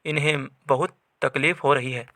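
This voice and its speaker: A man's voice: on the high side, fairly even intonation, moderate pace, sharp tone, no echo, clean studio sound. A man voicing a worried young wife who pleads with her husband. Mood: pleading.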